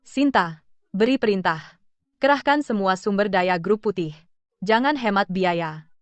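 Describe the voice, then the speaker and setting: A woman's voice: mid-range voice, expressive, measured pace, dry recording, natural voice. A middle-aged woman playing a commanding wealthy mother and chairwoman in a dubbed TV drama, giving stern orders.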